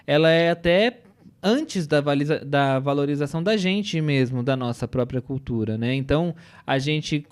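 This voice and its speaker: A young adult man with a Brazilian Portuguese accent sits on a podcast panel, sharing strong, emphatic opinions in casual conversation and peppering his sentences with "né?" and "entendeu?". His voice is on the high side with a darkish tone.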